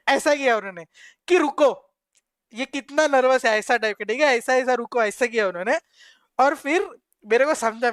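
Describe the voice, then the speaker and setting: High-voiced man telling a story. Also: no echo, studio quality. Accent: Mumbai Hindi. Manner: animated, slangy, laughs mid-story. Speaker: live streamer. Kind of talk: excited storytelling to chat.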